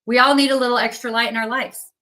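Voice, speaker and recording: A woman's voice: fairly high pitch, steady tone, fast talker, pushed and bright. A woman hosting a live craft sales stream, chatty and upbeat, giving away prizes and reading out winners. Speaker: livestream host for a craft company.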